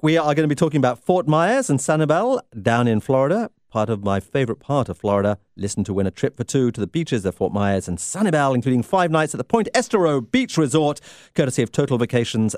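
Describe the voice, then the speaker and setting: A man's voice: mid-range voice, very animated, a little fast, a little mellow, no echo, studio quality. A man hosting a radio travel show, chatting live and informally.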